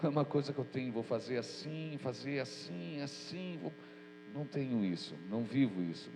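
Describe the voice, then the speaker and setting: Over music, a pastor with a mid-range voice prays and preaches in an animated way at a moderate pace. A cold makes him sound nasal and stuffy, and his manner is earnest and informal. It's recorded in an echoey church hall with mains hum.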